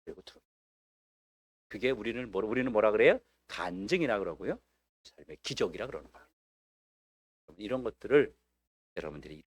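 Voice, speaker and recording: A male pastor preaching a sermon, rising to urgent emphasis and dropping to quieter asides. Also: lowish voice, no room sound.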